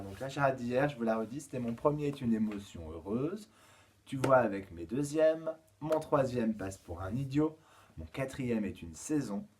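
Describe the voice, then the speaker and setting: A male teacher gives a home-school lesson to small children. He talks in a low, husky voice, and he counts and explains step by step, slow and patient, with lots of little fillers between his words. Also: a little mellow. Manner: slow, patient counting aloud with frequent "euh" and "donc". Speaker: kindergarten teacher. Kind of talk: remote lesson for young children and parents.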